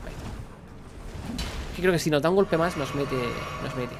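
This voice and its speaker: A man's voice: on the high side, a little fast, noisy background. A man giving chatty, explanatory lore commentary while he plays a game. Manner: chatty, explanatory, often says "¿vale?". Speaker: lore channel host. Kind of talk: casual gameplay lore commentary.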